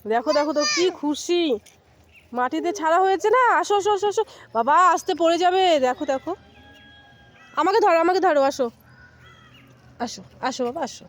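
A woman from with a sore, hoarse throat, vlogging casually to her viewers and coaxing children with repeated calls. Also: very high voice, expressive, fairly quick, pauses often. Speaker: family vlogger. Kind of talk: casual vlog narration to viewers.

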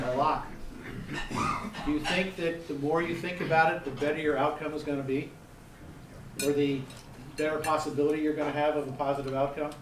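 A middle-aged man teaching a seminar, quizzing the audience and repeating key points with emphasis. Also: fairly high pitch. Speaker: gliding safety instructor. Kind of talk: interactive seminar lecture. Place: seminar room. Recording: echoey room, distant mic, faint background noise.

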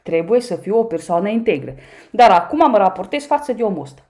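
A woman's voice: mid-range voice, big pitch swings, mellow. A woman from Romania commenting on clips in a sarcastic, mocking way, speaking to her viewers as a vlogger. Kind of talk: reaction commentary.

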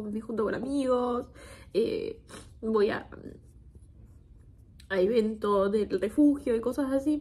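A woman's voice: fairly high pitch, dark tone. A woman in her twenties talking candidly to camera, hesitant and emotional, on the verge of crying. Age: 20s. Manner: hesitant, emotional, with nervous little laughs. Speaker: video creator. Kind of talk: candid confessional chat to camera. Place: home kitchen, indoors. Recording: noisy home kitchen recording.

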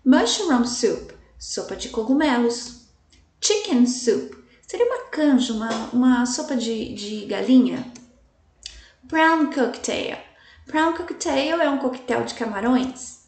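A woman with a slightly high, expressive voice and a darkish tone teaches English vocabulary to Portuguese speakers from slides. She enunciates each word slowly and carefully, repeats examples, and checks in with her students often. The recording is echoey and distant, with slight background noise.

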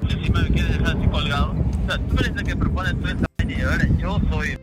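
A man's voice: fairly high pitch, fast, very noisy. A young man outdoors in a park, speaking into a handheld mic, incredulous and defensive as he argues with his girlfriend. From Peru. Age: young adult. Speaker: prank target boyfriend. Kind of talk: street prank conversation.

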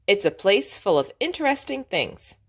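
A woman's voice: mid-range voice, very animated, moderate pace, husky. Woman reading as a jolly father pig.

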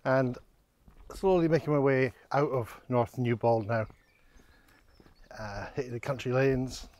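A middle-aged man vlogs on foot through villages and country lanes, holding the camera at arm's length and offering casual, self-deprecating, wry commentary with hesitant asides as a walking guide. His mid-range voice is steady, darkish and measured, and the audio has no room sound.

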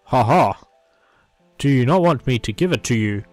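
A man voicing a mocking schoolyard bully who taunts loudly and draws out his words. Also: mid-range voice, expressive, no room sound, soft background music, close to an everyday voice. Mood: taunting. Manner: loud, taunting, drawn-out.

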